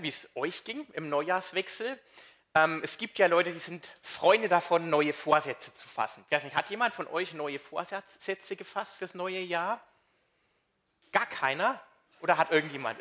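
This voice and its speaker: Male preacher, conversational sermon, slightly high, bright tone. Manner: lively, conversational, asks the congregation questions.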